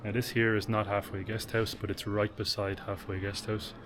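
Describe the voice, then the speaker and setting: A man's voice: lowish voice, flat delivery, moderate pace, noisy background. A man narrating a travel vlog after a long mountain hike, tired but upbeat. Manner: tired, upbeat commentary while hiking. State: exhausted. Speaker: travel vlogger. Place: outdoors on a mountain trail and guesthouse.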